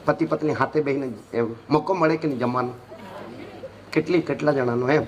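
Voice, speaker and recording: A male pastor from Gujarat preaching a sermon, firing questions at the congregation and moving between low asides and sudden shouts. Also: fairly quick, some chatter behind, slight background noise. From Gujarat, India. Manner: lively preaching, quizzing the congregation with "Hallelujah" and "Hey?". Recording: distant mic with loud room ambience.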